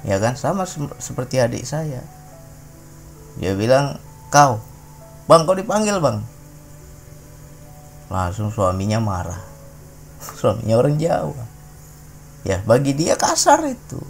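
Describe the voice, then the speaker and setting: A man's voice: mid-range voice, sing-song, measured pace, creaky, pauses often, darkish tone, soft background music. A middle-aged man from Sumatra, giving an informal spiritual talk in a conversational way, often tagging his sentences with a questioning "ya". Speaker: religious talk speaker.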